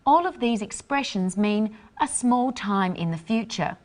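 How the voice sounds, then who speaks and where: A woman hosts an English lesson, speaking slowly and clearly as she explains phrases. Her pitch moves up and down a great deal. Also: lively intonation. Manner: clear, deliberate teaching delivery. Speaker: English teacher host. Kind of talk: scripted lesson narration.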